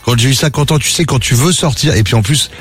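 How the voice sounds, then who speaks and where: A man's voice: medium pitch, fast. A man in his fifties who hosts a radio morning show and chats with callers, joking and teasing them. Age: 50s. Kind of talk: lively radio talk with callers.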